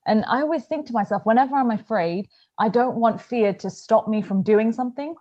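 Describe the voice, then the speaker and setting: A woman's voice: a little high, fairly quick, warm tone, dry recording, dull audio. A woman hosting a podcast, chatting candidly and telling her own story, sometimes acting out what she said to herself. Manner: candid, storytelling with acted self-quotes. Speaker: podcast host. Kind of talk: casual podcast chat.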